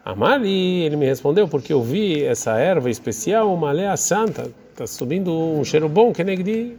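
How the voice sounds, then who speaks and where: A man's voice: on the high side, lively intonation, normal speed, a little mellow. A man teaching Talmud, reading Hebrew phrases aloud and then explaining each one, with some hesitation. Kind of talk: reading and translating a text aloud.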